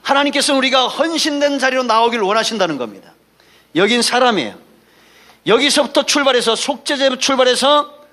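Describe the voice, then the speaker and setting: A man's voice: very high-pitched, pushed and bright. A man preaching a Sunday sermon as pastor, emphatic and folksy, calling for responses from the congregation between anecdotes. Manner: folksy, mixes asides and anecdotes.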